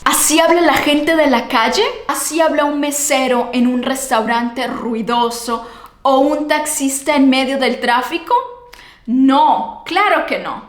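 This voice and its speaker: Female language teacher, high voice, roomy echo, clear drill-style delivery. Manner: clear, deliberate, repeats phrases as drills. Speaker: Spanish teacher. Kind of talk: scripted language lesson.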